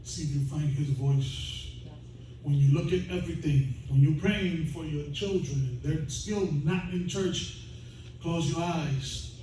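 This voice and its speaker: A man preaching in a lively, joking way, breaking into shouts and laughter, heard from a distance in a church. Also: a little high, takes it slowly, slight background noise. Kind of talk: bilingual sermon. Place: church sanctuary. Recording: very echoey hall from a distance.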